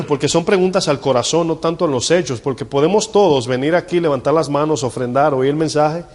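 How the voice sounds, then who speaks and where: A man with a somewhat high voice preaches a sermon in a church hall and keeps asking his listeners questions. His words ring out with a long reverb trailing behind them. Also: brisk, a little mellow. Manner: preaching with rhetorical questions to the congregation. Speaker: pastor.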